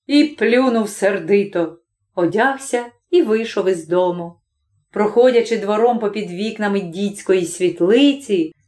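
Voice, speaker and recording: A woman with a mid-range voice reads a scripted audiobook story in a measured, even storytelling manner.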